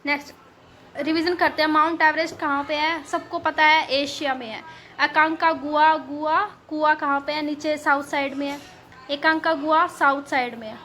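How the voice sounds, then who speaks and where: A woman's voice: high voice, steady tone, moderate pace, pushed and bright, slight background noise. A woman teacher giving a playful exam lesson on memory tricks, repeating key words as she draws them out.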